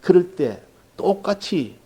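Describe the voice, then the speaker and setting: A man preaching a sermon, telling a story in an earnest way, with sudden loud emphasis. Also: high-pitched, big pitch swings, takes it slowly, breathy edge, low-quality recording. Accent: Korean. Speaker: pastor.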